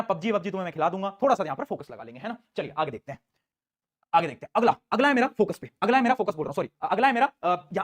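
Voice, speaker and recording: Male tutor, high-pitched, rapid and lively lecture delivery. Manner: quick, animated teaching with repeated questions to students. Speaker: teacher. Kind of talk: online class lecture.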